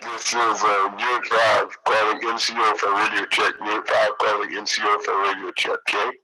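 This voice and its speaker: A fairly low-voiced man comes through a two-way radio with distortion. The signal carries clear static and noise. He repeats his calls and tags lines with "okay". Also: flat delivery, normal speed. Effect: heard over a two-way radio with distortion. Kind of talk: radio check-in.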